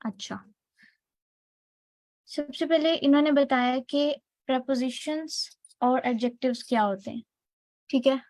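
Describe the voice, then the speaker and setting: Woman, Pakistani accent, online teacher, slightly high voice, dry close sound, explains step by step. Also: slow pace, long pauses, a little mellow, dry recording, rough recording. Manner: explains step by step, checks in with students often. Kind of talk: online class lecture.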